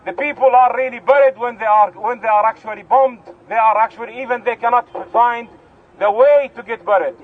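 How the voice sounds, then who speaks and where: A man's voice: very high-pitched, fairly even intonation, fairly quick. A man from Palestine speaking earnestly at an outdoor rally, often restarting his phrases. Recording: tinny lo-fi outdoor recording.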